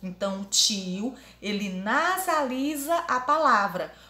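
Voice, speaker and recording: A woman teacher giving a grammar lesson to young pupils, saying example words over and over slowly. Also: a little high, lively intonation, bright, forceful tone. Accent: Brazilian Portuguese. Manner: drills words aloud, repeating them slowly. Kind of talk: primary school grammar lesson. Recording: echoey room.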